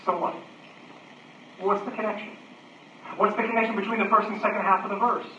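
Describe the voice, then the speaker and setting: A man preaching a sermon as pastor, swinging from booming emphasis to hushed near-whispers and driving home repeated rhetorical questions and refrains. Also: level tone, a little fast, a little hiss or hum. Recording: roomy echo, distant lo-fi room recording.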